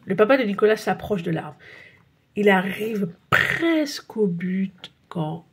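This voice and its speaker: A woman narrating a children's audiobook in a lively, expressive storybook style. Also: mid-range voice, slow, slight background noise. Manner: lively, expressive read-aloud.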